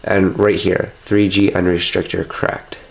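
Here the same stuffy-nosed young man talks slowly in a low, flat voice with vocal fry, giving a casual tech walkthrough full of filler sounds. The audio is poor, captured by a close camera in his home.

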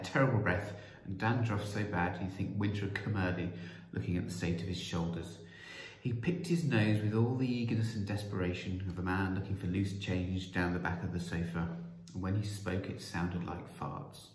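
Low-voiced man reading a children's story. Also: darkish tone. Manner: playful, storytelling asides. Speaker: children's author. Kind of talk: reading his own book aloud. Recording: roomy echo.

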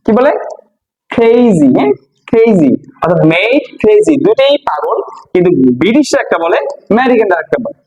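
A Bangladeshi English teacher leads a classroom-style vocabulary lesson, repeating each word and quizzing his listeners with questions. His high, expressive voice moves fairly quickly and has a darkish tone. The recording has its highs cut off.

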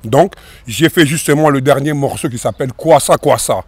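A man in his thirties from France, a rapper, talking in a relaxed, rambling way in an outdoor interview into a handheld mic. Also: mid-range voice, normal speed, husky, no room sound. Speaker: rapper guest. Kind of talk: casual interview answers. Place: outdoors by a river in a park. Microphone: host's handheld mic.

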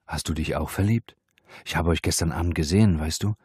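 A man voicing a pushy, unkempt big Dutch colleague in a low, dark, sly manner. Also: brisk, breathy edge, no room sound, clean studio sound, full character voice. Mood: leering. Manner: leering, sly.

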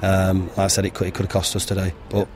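Man in his thirties, football manager, low even delivery, frank post-match talk into a handheld mic outdoors. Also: fast talker, slight background noise. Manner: frank, plain-spoken, many ums and restarts. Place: outdoors beside a football pitch. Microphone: handheld interviewer mic held to him.

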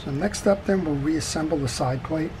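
At a normal speed and with a somewhat high voice, a man shows how to repair a fishing reel at a wooden workbench indoors. His instructional talk is casual and orderly, step after step, with continuous background noise.

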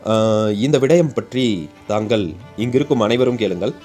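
A man's voice: fairly low pitch, unhurried, a little mellow, soft background music, natural voice. A man doing a firm, commanding king.

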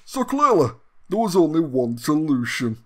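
Brit gaming host, mock-grandiose and cheeky, voice sits a bit high. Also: male voice, big pitch swings, normal speed. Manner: sardonic, mock-grandiose banter. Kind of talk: comedic channel announcement.

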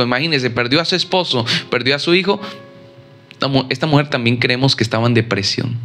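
A man's voice: medium pitch, a bit bright. A man preaching a sermon in an emphatic style, acting out the people he quotes.

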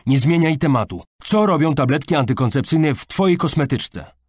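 A man's voice: on the low side, moderate pace, husky, no echo, studio quality. A man voicing a strict, overprotective father who scolds in a raised voice. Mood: angry.

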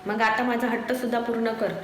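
A woman's voice: fairly high pitch, little pitch movement, brisk, lightly acted. Woman doing a stubborn older mother. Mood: reproachful. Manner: demanding, reproachful. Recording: echoey room with faint noise.

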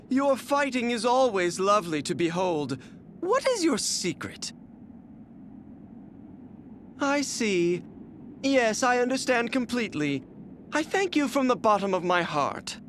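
A flamboyant video game warrior obsessed with beauty speaks in a strikingly high, effeminate voice with a fairly bright tone. He lingers over every flowery phrase in a refined, theatrical, heavily acted performance, with slight background noise.

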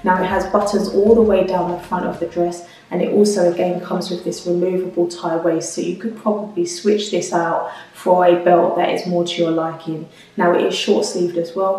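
Woman, thirties, upbeat haul chatter, fairly low voice, flat delivery, very echoey room, mic at a distance. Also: moderate pace, hardly any pauses. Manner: chatty and upbeat, often addresses viewers as guys. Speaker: fashion vlogger. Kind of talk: try-on haul review. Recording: roomy echo, mic at a distance.

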